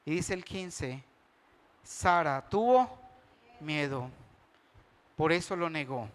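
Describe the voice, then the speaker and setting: A man delivers a sermon in a notably high voice. He preaches conversationally as a pastor and turns often to his listeners with questions, drawing them into the talk. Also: animated, takes it slowly, clear, resonant tone.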